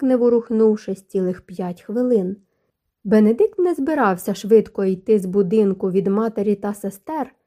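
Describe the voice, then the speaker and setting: A woman narrating an audiobook in an even storytelling manner. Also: fairly high pitch. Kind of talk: scripted narration.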